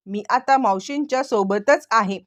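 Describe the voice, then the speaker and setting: Evasive young man, high and hesitant; a woman reads him. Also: measured pace, natural voice. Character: young man, lying on the phone.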